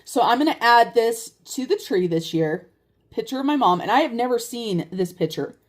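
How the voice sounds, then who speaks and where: A woman's voice: on the high side, lively intonation, normal speed. An older woman chatting casually as a vlogger, heartfelt and talking straight to her viewers. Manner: chatty and heartfelt, addresses viewers as you guys. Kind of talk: casual chat.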